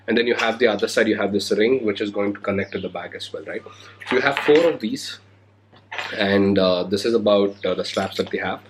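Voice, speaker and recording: Low-voiced and recovering from a cold, the young motovlogger speaks in an Indian English accent, hesitating with lots of fillers as he casually unboxes on his vlog. A little hiss or hum comes through the handheld recorder or camera mic.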